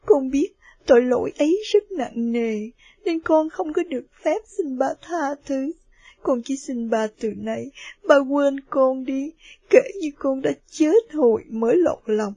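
A woman's voice: high-pitched, measured pace, dark tone, no echo. Woman doing a sobbing remorseful daughter. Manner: sobbing, imploring. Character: remorseful young daughter, sobbing and self-blaming.

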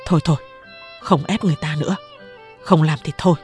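A woman's voice: low voice, fairly even intonation, fast talker, a little mellow, soft background music, pitched below the performer's own voice, lightly acted. A woman voicing a big, burly male company boss who despairs and weeps, pleading in a self-pitying way. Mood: despairing. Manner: sobbing, self-pitying pleas.

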